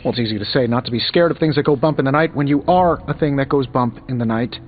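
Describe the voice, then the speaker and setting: A man's voice: mid-range voice, quick pace, close to an everyday voice. Iron Man, a glib wisecracking hero, acted by a man. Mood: nervous joking. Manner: glib, sarcastic, theatrical. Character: Iron Man, wisecracking jittery genius inventor superhero. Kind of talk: video game dialogue acting. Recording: tinny band-limited audio, music underneath. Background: background music.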